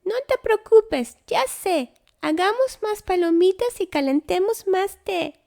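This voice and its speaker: A woman voicing a tiny nervous mouse in a children's storybook, with a very high squeaky voice. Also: expressive, takes it slowly, creaky, warm tone, exaggerated voice. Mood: reassuring.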